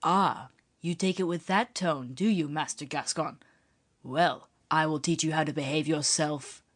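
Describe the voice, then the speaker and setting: A woman reading an audiobook, voicing a young musketeer with churchly airs, polished, ironic and measured. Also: low voice, pitched below the performer's own voice.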